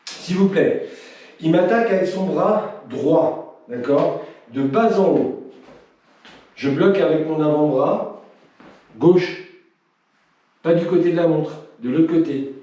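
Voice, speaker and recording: A man leads a self-defense class, explaining moves in a relaxed, joking way between drills. His voice is mellow and a little higher than most men's. He sounds distant from the mic, in a very echoey room. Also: slow, pauses often. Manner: shouts counts loudly, then jokes casually. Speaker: krav maga instructor. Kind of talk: live online class, counting drills and chatting with viewers.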